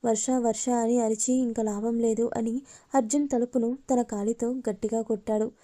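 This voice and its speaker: Woman storyteller, plain steady read, dark mellow tone, flat. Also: a little high, normal speed. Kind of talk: storybook narration.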